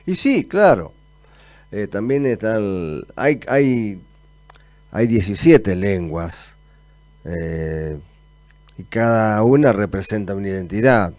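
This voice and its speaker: A man's voice: lowish voice, animated, slow, pauses often, a little mellow, no echo. A man hosting a live radio talk show in a conversational, affirming way. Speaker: radio host.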